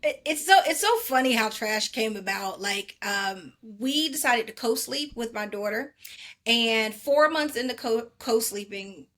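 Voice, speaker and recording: A woman speaking as a podcast guest, an animated storyteller who acts out quotes from her own life. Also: fairly high pitch, a little slow. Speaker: podcast guest, maternal wellness advocate. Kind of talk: casual podcast interview.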